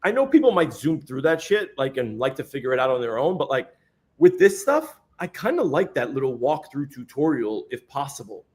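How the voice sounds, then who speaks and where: A man co-hosting a casual video podcast, animated and laughing, swearing casually as he talks. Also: medium pitch, fairly quick. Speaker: co-host.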